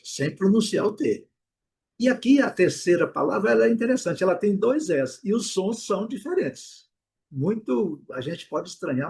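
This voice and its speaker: A husky, slightly breathy Brazilian man with a fairly high voice gives a pronunciation lesson. He says each example word slowly, several times, and stretches the vowels. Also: darkish tone. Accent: Brazilian Portuguese. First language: Portuguese. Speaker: English teacher.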